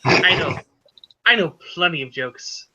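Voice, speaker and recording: A woman's voice: lowish voice, expressive, a little slow, sharp tone, exaggerated voice, low-quality recording. A woman voicing a volatile young woman with an unhinged wide grin and a sing-song, menacing way of talking. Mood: touchy.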